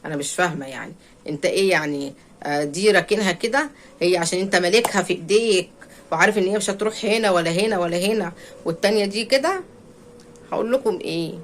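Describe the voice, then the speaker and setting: A woman with an Egyptian accent lectures at a quick clip in the manner of a life coach. She scolds and mocks by turns, hammering the same words again and again. Her pitch sits in an ordinary middle range. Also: slight background noise. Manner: scolding, sarcastic, repeats words for emphasis. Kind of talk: direct-to-camera advice monologue.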